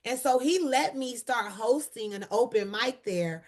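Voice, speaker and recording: Energetic woman comedian, fairly high voice. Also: a little slow. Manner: bold, energetic, emotional at times. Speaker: comedian and actor, guest. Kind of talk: animated interview storytelling.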